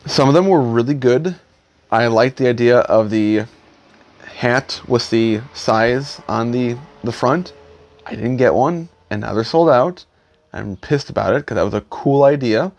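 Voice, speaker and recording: A man giving a casual, opinionated vlog in a grumbling back-in-my-day rant, halting and correcting himself as he goes. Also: mid-range voice, darkish tone. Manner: halting, self-correcting, trailing delivery. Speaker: hat collector vlogger.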